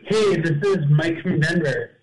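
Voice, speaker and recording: A man's voice: a little high, a little slow, slightly rough. A male caller talking on a speakerphone, so he sounds distant, giving brief, vague answers on a call-in radio show.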